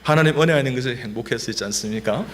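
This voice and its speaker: Speaking very fast at a medium pitch, a middle-aged man who works as a doctor shares a funny church testimony. He keeps things lively and jokey, getting the congregation to repeat phrases after him.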